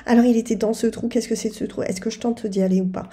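A woman's voice: on the high side, fairly even intonation, fast talker, mellow. A woman giving chatty, self-mocking commentary over her own gameplay and talking straight to her viewers. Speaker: gaming video creator.

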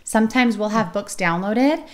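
A woman's voice: mid-range voice, animated, normal speed. A woman in her thirties hosting a casual, conversational discussion at a table. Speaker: host. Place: living room, seated at a round table. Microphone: table-mounted microphone.

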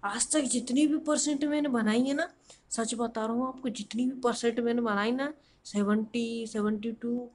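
A man's voice: extremely high pitch, steady tone, normal speed, pitched below the performer's own voice. Young man playing a whiny pleading teenage son. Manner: whining, pleading.

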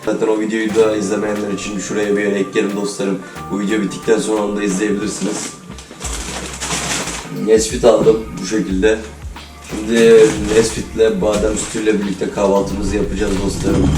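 A young man with a cold, whose voice sounds flat and robot-like, chatting casually to his viewers while he makes breakfast in a kitchen. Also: on the low side, a little fast. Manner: chatty, keeps calling viewers "friends". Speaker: vlogger. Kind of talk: casual talking-to-camera vlog. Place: kitchen of a holiday home. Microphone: camera on a tripod a few steps away. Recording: roomy, distant camera mic, faint music.

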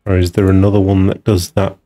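A man's voice: deep voice, completely flat delivery, fast, mellow, soft background music. A man giving casual, musing commentary while streaming a video game, talking half to himself as he tinkers with settings.

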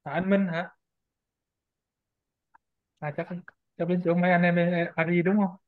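A man's voice: sits high, flat delivery, measured pace, no echo. A man from Huế chatting casually in a group call, often trailing off mid-sentence. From Huế, Vietnam. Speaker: session presenter. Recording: tinny phone-like call audio, dry.

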